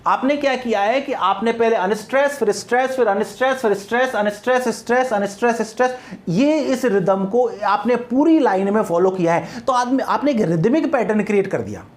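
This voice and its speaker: A woman's voice: on the high side, expressive, fairly quick, few pauses, darkish tone. A woman teaching an exam-prep lesson on poetry, repeating rhetorical questions and mixing English terms into her explanation. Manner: repetitive, asks rhetorical questions, frequent "ठीक है ना?"; drills patterns by counting out stress beats.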